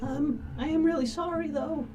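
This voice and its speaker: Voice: high-pitched, normal speed, recorded from a distance, dull audio, natural voice. A player voicing a small, timid, apologetic creature with meek, hesitant replies in a tabletop role-play. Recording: music behind, somewhat off-mic.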